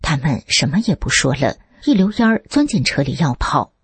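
A woman reading a first-person account as scripted narration, lifting her pitch for quoted speech. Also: sing-song, moderate pace, breathy edge, dry recording. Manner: reads steadily, lifts the pitch for quoted speech.

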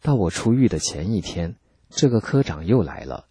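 Man, low voice, very raspy, lively intonation, calm measured narration. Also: dry recording. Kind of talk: scripted first-person narration.

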